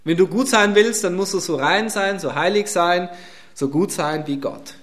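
A man preaching a sermon in a fairly high voice. He drives each point home with repeated phrases, then drops to a hush before rising to loud emphatic lines again. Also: normal speed. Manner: swings from emphatic loud lines to hushed near-whispers.

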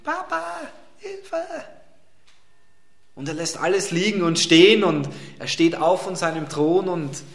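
Dramatic preacher with a roomy echo. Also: male voice, fairly high pitch. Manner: dramatic swings between loud and hushed. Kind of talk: sermon.

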